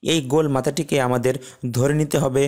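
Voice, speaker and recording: A man teaching a Quran recitation lesson, explaining calmly and drawing out each Arabic letter slowly. He speaks with a Bangladeshi Bengali accent. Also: medium pitch. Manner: slow, drawn-out letter pronunciations between plain explanation.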